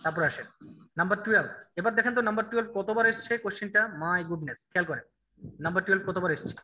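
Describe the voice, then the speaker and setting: A man teaching an online English grammar class, quizzing a student and reading answer options slowly. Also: high voice, sharp tone, slight background noise, poor audio. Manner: drills answers with rhetorical questions, reads options slowly.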